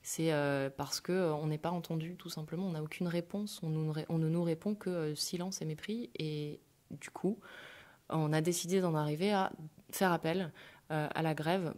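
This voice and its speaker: A woman's voice: low voice, steady tone, moderate pace, a little mellow. A woman, a union representative, indignantly stressing how exceptional the strike is. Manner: indignant, emphatic. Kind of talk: interview statement.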